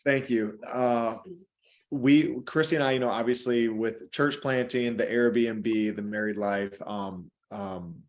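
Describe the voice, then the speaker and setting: A man's voice: mid-range voice, steady tone, slow. A man on a video call, talking casually with many fillers and restarts. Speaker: call participant.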